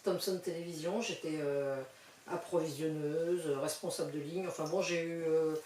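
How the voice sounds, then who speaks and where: A woman's voice: deep voice, steady tone, moderate pace, darkish tone, a little hiss or hum. An older woman from the French countryside, chatting as an interview guest in a loose, filler-heavy way with laughing asides. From western France countryside. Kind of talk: casual interview chat. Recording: roomy sound from a distant mic.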